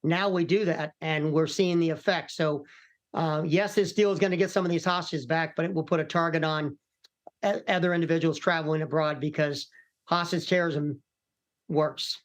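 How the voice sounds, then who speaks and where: A middle-aged American man with a rather high-pitched voice speaks as a news pundit. He explains calmly, with halting repeats, like a retired commander briefing an interviewer. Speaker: retired military commander and hostage expert guest. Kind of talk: live news interview analysis.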